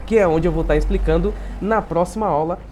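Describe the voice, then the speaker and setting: Male English teacher for a video lesson, warm and mellow, repeats example phrases slowly with tag questions. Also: sits high, a little hiss or hum.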